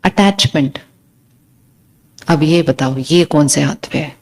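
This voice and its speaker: A woman's voice: deep voice, takes it slowly, vocal fry, a little mellow. Woman giving a spiritual talk. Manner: questions the audience, lists words one by one. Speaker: spiritual speaker. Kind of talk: spiritual talk to a live audience.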